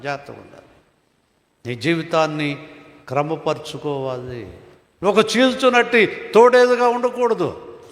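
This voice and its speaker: A man, preaching a sermon and telling his own testimony, swinging between loud calls and quiet asides. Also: sits high. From Andhra Pradesh, India. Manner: storytelling, rises and falls between loud and quiet. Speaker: pastor. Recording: echoey hall with long reverb.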